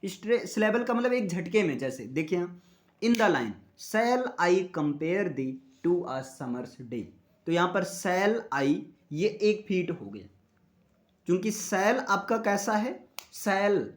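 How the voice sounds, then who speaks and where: A man teaching English literature. He reads definitions slowly and explains them with questions to the listener. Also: high voice. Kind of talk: classroom-style lecture mixing Hindi and English.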